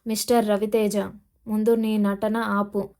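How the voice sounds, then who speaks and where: Field: gruff gold smuggler boss, voiced by a woman narrator. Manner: taunting. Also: medium pitch, level tone, measured pace, dark tone, natural voice. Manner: taunting, demanding.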